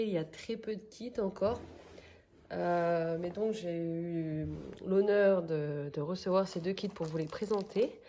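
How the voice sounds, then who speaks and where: This woman, a crafts vlogger, speaks on the low side with a dark tone and a French accent. Unboxing craft kits, she chats casually but slowly and hesitantly, using lots of fillers.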